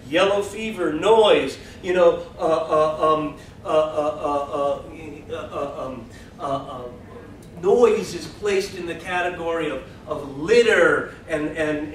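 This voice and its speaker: A man's voice: high voice, distant mic, a little hiss or hum. Hesitant male lecturer in echoey hall. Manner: hesitant, many fillers and restarts. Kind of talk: academic lecture.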